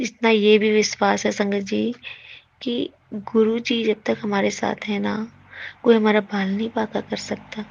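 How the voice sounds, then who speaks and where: A woman's voice: mid-range voice, gravelly, no echo. A woman earnestly telling her own devotional experiences to a congregation, often calling out to the listeners. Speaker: devotee sharing testimony. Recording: dull lo-fi recording.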